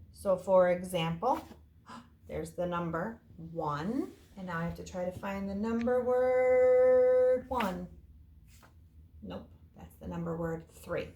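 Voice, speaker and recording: A slightly mellow, mid-range female voice explains things simply and casually to young children during an informal lesson and story time. She's in an indoor room, and the audio has an echoey quality with a little faint noise.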